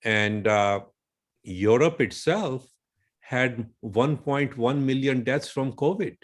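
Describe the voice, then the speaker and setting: A man with an Indian English accent, a physician guest, explaining at a measured pace and citing figures. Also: mid-range voice.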